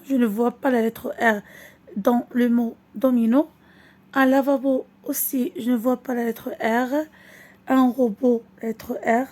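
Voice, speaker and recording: Woman teacher, high and mellow voice, slow and deliberate, repeats each word. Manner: switches between French and Arabic. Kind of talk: slow classroom lesson.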